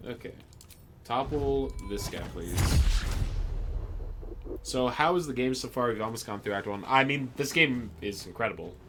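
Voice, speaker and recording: A man giving casual live commentary on a video game, musing aloud in a halting way as he plays. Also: mid-range voice, expressive, background noise. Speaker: game streamer.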